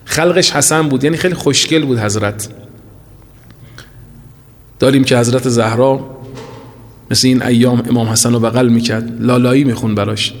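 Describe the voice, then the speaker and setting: A man preaching an impassioned religious sermon. He swings from rising, fervent cries to slow, hushed lines and recites scripture. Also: medium pitch. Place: large holy shrine hall. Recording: long hall reverb.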